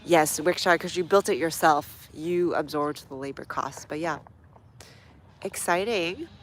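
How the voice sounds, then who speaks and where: Her voice sits low and she never rushes, a congested woman gardening outdoors on a casual livestream. She talks to her viewers and reads comments aloud mid-task, with a faint hiss or hum present.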